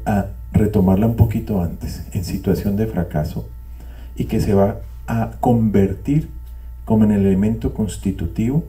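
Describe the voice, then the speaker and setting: At a spiritual community gathering, an older man gives a reflective, repetitive testimony to a live audience in a meeting room, wandering into wry digressions. His mellow voice sits on the low side and is picked up from a distant mic.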